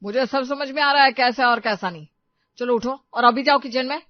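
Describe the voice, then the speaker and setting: A woman's voice: fairly high pitch, expressive, brisk, no room sound. Casting: woman doing a curt, angry young cartoon husband, dry lo-fi sound. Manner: scolding, curt. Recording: dull dry lo-fi audio.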